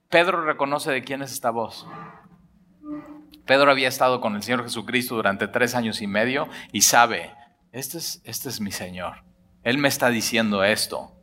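A man preaching a lively sermon, acting out dialogue in colloquial speech. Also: on the high side. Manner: animated, acts out dialogue, colloquial Mexican slang.

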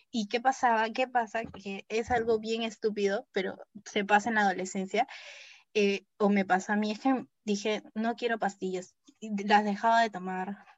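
A young adult woman telling a personal story as an interview guest, acting out the quoted dialogue in a lively way. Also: medium pitch, no echo, dull audio.

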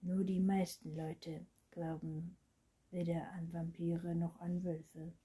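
A woman's voice: fairly low pitch, little pitch movement, slow, warm tone, slightly rough, exaggerated voice. A woman reading a storybook aloud and voicing a timid, easily startled boy who asks hesitant questions. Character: timid wondering human boy.

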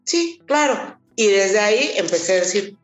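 A woman's voice: medium pitch, normal speed, faint music behind. A Mexican woman co-hosting a podcast, chatting casually and acting out both sides of remembered conversations. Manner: animated, acts out both sides of remembered dialogue. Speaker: podcast co-host. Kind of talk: casual chat, storytelling. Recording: roomy echo.

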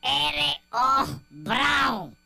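A woman's voice: high voice, very animated, extremely slow, vocal fry, sharp tone, dry recording, exaggerated voice. A woman with a Puerto Rican accent voicing a grumpy, gossiping rat who hates everyone, in a radio comedy sketch. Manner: cranky, complaining gossip. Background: music.

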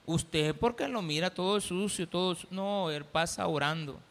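A man with a Salvadoran accent preaching a sermon as pastor, animated and acting out the voices he quotes. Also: high voice, normal speed, vocal fry, big-room sound. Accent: Salvadoran Spanish.

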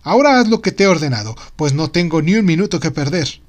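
A boastful male inventor, put on by a storyteller speaks in a raised pitch. He is pompous and exclamatory, full of grand optimism, as in an audio storybook. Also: lively intonation, fast, lightly acted. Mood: excited, boastful.

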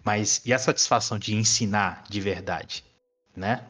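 With faint music in the background, a Brazilian history teacher of twenty-nine talks casually as a podcast guest, swearing now and then and leaning on slang. His voice is lowish, a bit bright and unhurried.

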